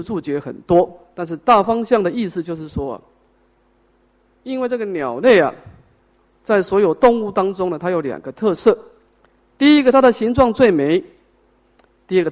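A man with a high voice lectures on a Buddhist sutra. He lays out each point patiently, poses questions and then answers them himself. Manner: explains step by step, asks and answers own questions, trailing particles. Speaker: Buddhist teacher.

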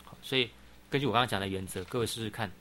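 Bright-voiced man giving a dharma talk. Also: on the low side, rapid-fire, slight background noise. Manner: frequent "好" interjections, patient explaining. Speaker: Buddhist teacher. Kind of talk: dharma talk answering questions.

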